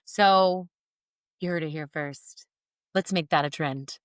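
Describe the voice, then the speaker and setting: A woman's voice: low-pitched, slow, dry recording, clean studio sound. A woman co-hosting a podcast, giving enthusiastic, practical wedding-planning advice in casual chat.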